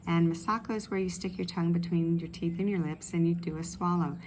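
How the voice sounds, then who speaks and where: A woman speech pathologist leading voice and swallowing exercises in a relaxed, explanatory way with many fillers. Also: on the low side, fast, a little hiss or hum. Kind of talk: instructional exercise video. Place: outdoors in a tropical setting. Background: ambient outdoor sounds with birds.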